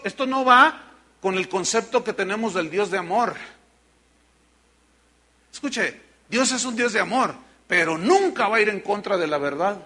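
Male preacher, high bright voice, lively storyteller. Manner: animated storytelling, acts out voices. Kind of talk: sermon.

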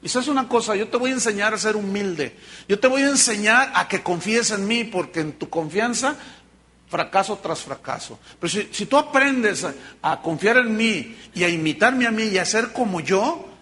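A man's voice: high-pitched, expressive, moderate pace, bright, forceful tone. A man voicing Jesus as a firm, fatherly teacher correcting a disciple. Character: Jesus, patient stern male teacher correcting.

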